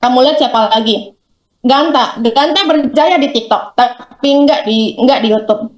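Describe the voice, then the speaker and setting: Chatty high-voiced woman teacher. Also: echoey room. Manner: chatty, acts out quick examples in voices. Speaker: workshop speaker. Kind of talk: classroom talk on content creation. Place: school hall.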